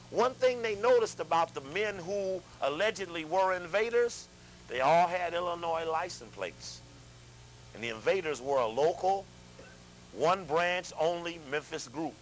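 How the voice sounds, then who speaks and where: A man lecturing a live audience, animated, asking them questions and repeating himself as he talks. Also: sits high, a little hiss or hum, low-quality recording. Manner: animated, addresses audience directly, repeats and restarts.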